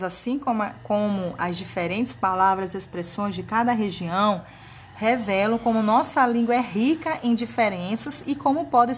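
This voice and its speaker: A woman teacher from Maranhão with a northeastern Brazilian accent, giving a lesson to children and checking in often to see that they follow. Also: mid-range voice. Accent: Maranhão Brazilian Portuguese.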